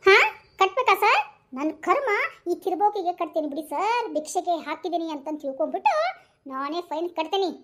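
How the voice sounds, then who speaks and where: A woman's voice: very high voice, animated, fairly quick, fairly bright tone, pitched above the performer's own voice. A woman voicing a cheeky young woman who picks fights, speaking with a North Karnataka Kannada accent and a taunting, squabbling manner. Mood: defiant. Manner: squabbling, taunting, singsong teasing.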